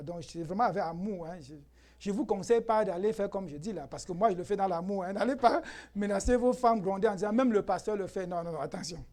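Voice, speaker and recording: A man preaching a sermon as pastor in a church, emphatic and lively, firing rhetorical questions at the congregation and laughing often. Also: high-pitched.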